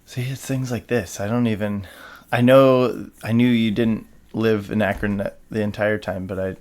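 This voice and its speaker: A young man hosting a casual podcast chat, relaxed and rambling, with many fillers. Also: on the low side, normal speed. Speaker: podcast host.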